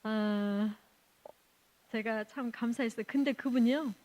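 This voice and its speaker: A woman missionary giving an animated testimony at a church service, laughing often and acting out the people in her stories. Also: a little high, unhurried. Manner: animated, laughs often, acts out quoted exchanges. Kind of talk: lively storytelling testimony.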